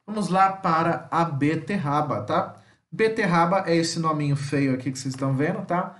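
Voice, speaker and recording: A male teacher with a Brazilian Portuguese accent giving an online vocabulary lesson, drawing out example words slowly and checking in with his students often. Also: fairly high pitch, fairly bright tone. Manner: slow drawn-out model pronunciations between chatty explanations; keeps checking in with "tá?". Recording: echoey room.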